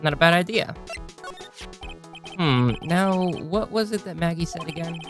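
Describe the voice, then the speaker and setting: A woman's voice: lowish voice, a little slow, over music. Phoenix Wright, a woman voicing a wry young lawyer. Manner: dry and sarcastic. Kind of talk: amateur video game fan dub.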